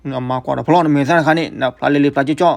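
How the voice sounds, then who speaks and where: A man telling a folk story, switching between loud outbursts and hushed asides. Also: mid-range voice, fairly even intonation, fast talker, creaky.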